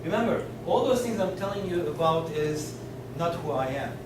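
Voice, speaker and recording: A middle-aged man speaks bluntly to a student audience, slipping phrases into his English. His voice sits fairly high. He is picked up from across an echoey room, with clear background noise. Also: animated, moderate pace. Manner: blunt, provocative, mixes Armenian into English. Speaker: guest speaker. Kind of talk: informal talk to a student group. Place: college meeting room. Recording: echoey room from a distance, noisy.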